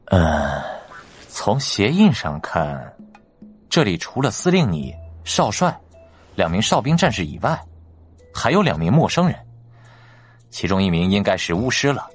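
A man voicing a sharp-eyed male intelligence officer in an audiobook, reasoning through clues step by step. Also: fairly low pitch, big pitch swings, a little slow, pauses often, slightly rough, soft background music, heavily acted. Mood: analytical. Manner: analytical, explaining clues step by step. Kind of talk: audiobook character voice.

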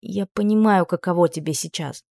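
A woman voicing a gentle, anxious young prince who speaks softly and quietly. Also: lowish voice, moderate pace, vocal fry, no echo, studio quality.

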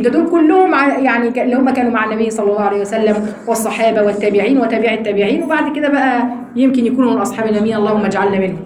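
Egyptian woman teaching quran to a class of women, talks quick and high, echoey room. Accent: Egyptian Arabic. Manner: fast, animated explaining, slows for recitation. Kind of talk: women's Quran lesson with recitation.

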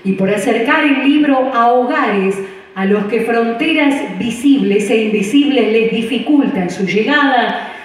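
A woman's voice: fairly high pitch, measured pace. A woman formally reading out a scripted announcement as an award ceremony presenter. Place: large hall at an award ceremony. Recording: echoey hall, far mic, audience noise.

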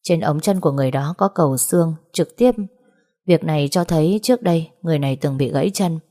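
A woman voicing a calm, precise young male forensic expert who explains in a measured way. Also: sits low, natural voice.

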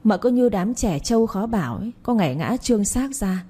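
A woman voicing a cold-faced young husband who teases and bosses his wife with a deadpan manner. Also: medium pitch, brisk, slightly rough. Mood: bossy. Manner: deadpan, teasing.

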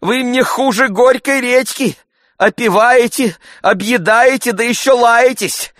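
A man's voice: extremely high pitch, unhurried, fairly bright tone, no echo, clean studio sound, pitched above the performer's own voice. A man voicing an indignant landlady who scolds an unwelcome guest in a storybook reading. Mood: scolding. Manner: scolding, reproachful.

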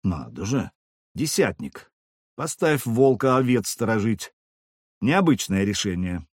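A man reading a calm, quietly menacing knight. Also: on the low side, husky, no room sound, clean studio sound, heavily acted. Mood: cool. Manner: quiet, measured, dryly menacing. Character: calm, cool-headed male wandering knight.

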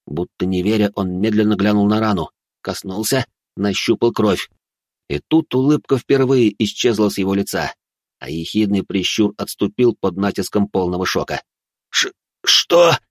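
A man reads a first-person story in a tense, dramatic manner. His voice is low and husky. The sound is dry and close to the mic. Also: normal speed, a little mellow, no room sound. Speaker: narrator.

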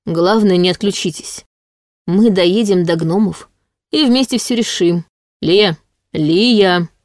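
A woman's voice: fairly low pitch, takes it slowly, a little mellow, no echo, clean studio sound. A woman reading as a brooding male demon. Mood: insistent. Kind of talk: audiobook reading.

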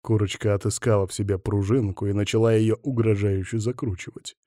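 A man narrating a first-person audiobook in a gruff, curt manner. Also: lowish voice, fairly even intonation, fairly quick, dark tone, no room sound, clean studio sound.

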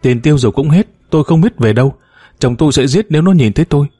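A man's voice: mid-range voice, very animated, fairly quick, warm tone, no echo, studio quality, soft background music. A man voicing a desperate middle-aged woman who pleads tearfully in a spoken story. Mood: pleading.

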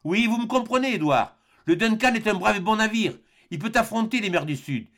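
A man reading an audiobook, voicing a young Scottish noblewoman who pleads with her husband, raised in pitch and eager. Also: animated, fairly quick, a bit bright. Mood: ardent. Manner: pleading, rising with enthusiasm.

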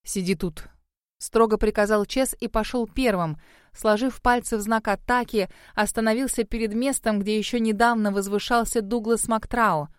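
Higher-voiced woman reading a fantasy audiobook. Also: clean tone, no echo, clean studio sound. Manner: measured, expressive reading. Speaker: audiobook narrator. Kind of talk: first-person fantasy audiobook narration.

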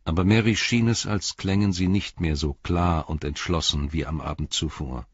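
A man narrating an audiobook in a steady, solemn reading style, in a dull lo-fi recording. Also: low voice, normal speed, slightly rough, dry recording. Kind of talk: scripted narration.

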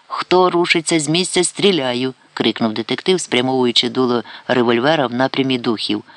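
A male audiobook narrator telling a literary story in a steady, measured way. His mid-range voice has a gravelly texture, and the recording is dry and close with no room sound. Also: mid-range voice, no echo. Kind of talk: scripted narration.

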